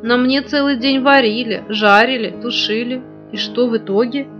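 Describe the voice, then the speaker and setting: A woman's voice: fairly high pitch, steady tone, moderate pace, lightly acted. Brief: woman voicing a complaining toy stove, sighing, lo-fi, guitar bed. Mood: weary. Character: tired complaining little toy kitchen stove. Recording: dull lo-fi recording, faint guitar.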